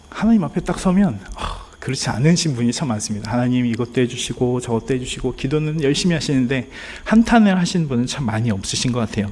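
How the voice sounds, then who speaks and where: A man's voice: medium pitch, a little mellow, slightly rough. A man preaching a sermon as pastor, earnest and speaking straight to the congregation, at times acting out pleading prayers. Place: church sanctuary.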